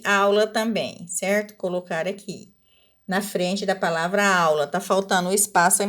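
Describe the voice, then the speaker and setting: A woman teacher explaining a worksheet step by step in a patient, slow, explanatory way, stretching out example words and often checking in with a tag question. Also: fairly low pitch. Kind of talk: recorded Portuguese lesson walking through a worksheet.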